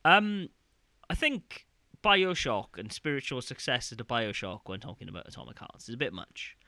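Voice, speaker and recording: Young male podcast co-host, animated and rambling, crisp bright tone. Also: mid-range voice, moderate pace, dry recording. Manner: rambling, animated, quotes game lines in mock voices. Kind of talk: casual podcast chat.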